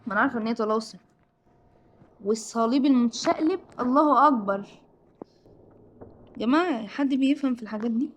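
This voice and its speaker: An excitable woman with an Egyptian accent plays a horror game and talks through every scare. Her voice sits high and her words tumble out very fast. She sounds jumpy and breathless with nerves. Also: slight background noise. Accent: Egyptian Arabic. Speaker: gaming channel host. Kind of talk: horror game let's-play commentary.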